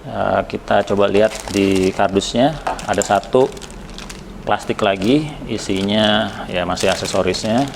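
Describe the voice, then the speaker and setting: With a gravelly, lowish voice and a slightly slow delivery, an Indonesian helmet shop reviewer chats casually about a product. He falters as he speaks and mixes in some English words, and background noise is audible.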